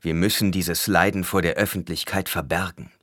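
Man reading as an old loyal desert warrior, slow and pained, deep voice, dry sound. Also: steady tone, a bit bright, no echo. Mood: pleading. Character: loyal older male desert warrior, grieving and bewildered.

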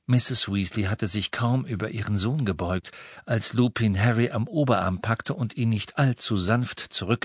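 A man reading a storybook aloud in an even, measured narration. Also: lowish voice, no room sound, studio quality. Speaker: audiobook narrator.

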